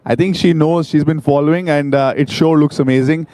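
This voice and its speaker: A man with an Indian accent hosting a live event in an excited, informal, chatty way. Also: a little high, a little fast, no echo. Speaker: event host. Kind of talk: enthusiastic live event hosting, vox-pop interviews.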